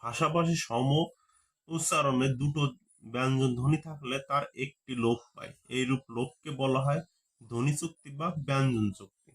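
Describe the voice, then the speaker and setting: A man's voice: mid-range voice, steady tone, normal speed, a bit bright. A man teaching a grammar lesson. He repeats key terms and keeps asking the class rhetorical questions.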